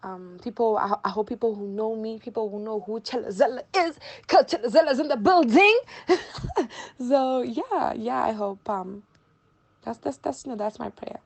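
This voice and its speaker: A woman's voice: fairly high pitch, moderate pace. A woman in her twenties from Zimbabwe, a social work student chatting as an interview guest, bubbly, laughing often and repeating herself. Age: 20s. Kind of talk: casual interview chat.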